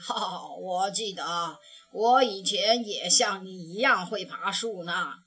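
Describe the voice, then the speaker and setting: A woman voicing a kind, patient old grandfather bear in a children's storybook reading, speaking gently with sighing pauses. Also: medium pitch, slightly rough, voice pushed down, full character voice. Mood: gentle.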